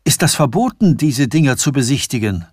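A man's voice: medium pitch, animated, a little fast, breathy edge, no echo, studio quality. A man voicing a frightened Swiss businessman who stammers and gasps in anxiety in a radio story. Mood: panicky. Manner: stammering, anxious, breathless. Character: panicky fearful Swiss businessman, middle-aged.

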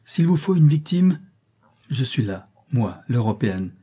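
A man voicing a desperate mother pleading loudly for her children. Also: medium pitch, very animated, a little slow, breathy edge. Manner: impassioned, crying out, pleading. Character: desperate European mother pleading before sultan.

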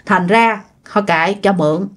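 A woman's voice: medium pitch, moderate pace. A woman telling a story in a casual, chatty way, speaking directly to her listeners.

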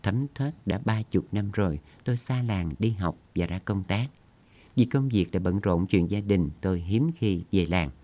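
A man narrates an audio story in a steady, measured way, his voice very low and deep. The reading is scripted and unhurried.

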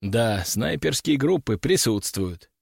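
A man doing a gruff, terse security chief. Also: medium pitch, lively intonation, slow pace, dry recording, studio quality, voice pushed down, full character voice. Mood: curt. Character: gruff male head of security, terse and stern.

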